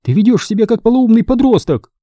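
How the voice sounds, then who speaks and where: A man's voice: very high-pitched, very animated, fast talker, dark tone, no room sound, studio quality, pitched above the performer's own voice, exaggerated voice. A man voicing an anxious, scolding middle-aged mother in an audiobook, speaking urgently and reproachfully.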